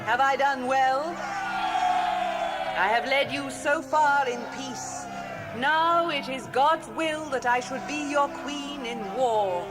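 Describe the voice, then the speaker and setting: Stately, slow Queen Elizabeth I. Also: high voice, loud music behind the voice. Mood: rousing. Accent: English. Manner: stately, declamatory, imperious. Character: regal, commanding English queen addressing her people. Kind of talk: children's historical audio drama.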